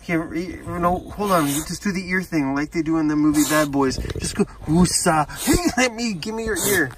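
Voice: medium pitch, brisk, background noise. A vlogger talking casually to their dog on camera in a playful, amused, coaxing way. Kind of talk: casual talk to a pet on camera. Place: converted van.

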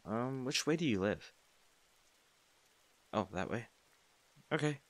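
Speaking slowly with lively intonation, a medium-pitched man is heard with no room sound. In this intimate comfort roleplay he plays a kind, shyly infatuated young barista, and his caring, reassuring lines come out soft-hearted and slightly hesitant, like natural conversation.

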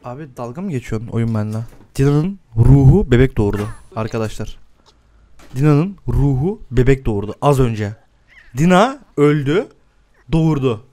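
A young man giving excitable live commentary on a game, swearing often and laughing a lot. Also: medium pitch, moderate pace. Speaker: gameplay streamer.

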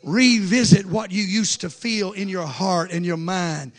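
High-voiced gravelly preacher man, impassioned. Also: measured pace. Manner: impassioned, building to shouts with repeated refrains. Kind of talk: revival sermon. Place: church service before a congregation.

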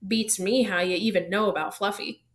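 A big, bearded gamekeeper from a storybook, voiced by a woman reader. He is friendly and proud, open to flattery, and talks in a blunt, homely, informal way. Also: medium pitch, normal speed, lightly acted. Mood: guarded. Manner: folksy, informal, blurting. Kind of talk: audiobook character reading.

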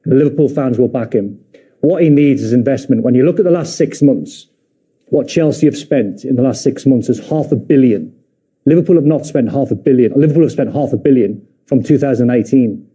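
Emphatic middle-aged male pundit, husky. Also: medium pitch, fairly quick, dark tone. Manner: emphatic, repeats his points. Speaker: football pundit. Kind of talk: studio punditry. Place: TV studio.

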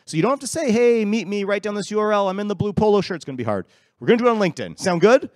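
A man's voice: sits high, animated, racing, dry recording, clean studio sound. A man hosting an open-mic event in a large council chamber, upbeat and joking with the crowd, speaking into a handheld mic. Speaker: event host.

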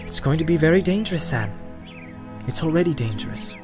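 A man voicing an earnest, troubled young male hobbit in an audiobook, speaking in a thoughtful, measured and gently firm way. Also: on the high side, lively intonation, over music, voice pushed up, lightly acted. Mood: grave, earnest. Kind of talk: audiobook character voice.

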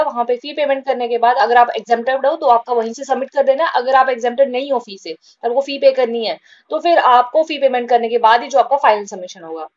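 A woman's voice: high voice, a little mellow, muffled recording. A woman hosting a job-update channel, giving an informal voice-over explainer with frequent fillers and repeated points.

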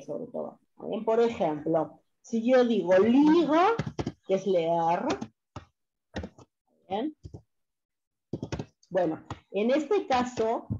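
A woman's voice: mid-range voice, dark tone, slight background noise. A woman teaching an online language lesson, explaining patiently and checking constantly that her students follow. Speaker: French teacher. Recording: dull lo-fi online class audio.

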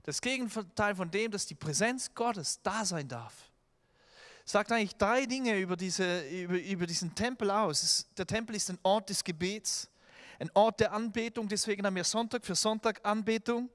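A man's voice: sits high, moderate pace. A man preaching a sermon in a church, telling stories animatedly with restarts and filler sounds. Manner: animated storytelling with acted-out quotes. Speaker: pastor.

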